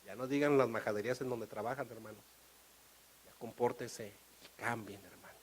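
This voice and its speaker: A man with a Mexican accent preaching a sermon, animated and storytelling. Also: mid-range voice, normal speed, a little hiss or hum, low-quality recording. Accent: Mexican Spanish. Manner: animated, storytelling, acts out dialogue.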